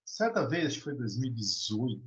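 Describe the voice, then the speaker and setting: Animated São man, echoey lo-fi. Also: mid-range voice, fast. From Brazil. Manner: animated, colloquial, many restarts. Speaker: discussion participant, teacher. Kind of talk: casual storytelling and opinion. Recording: echoey lo-fi recording.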